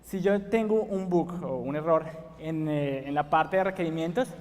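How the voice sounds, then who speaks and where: This conference speaker is a young man from Bogotá whose Colombian Spanish comes at a moderate pace in a fairly high, somewhat mellow voice. He pauses and uses fillers frequently, and the hall gives the sound a long reverb.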